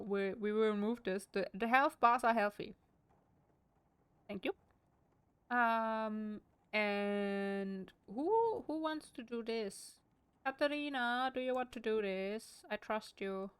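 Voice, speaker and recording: A woman's voice: fairly high pitch, slow pace, smooth, dry recording. A woman with a German accent streaming a game at home, reading in-game text aloud with wry, chatty asides.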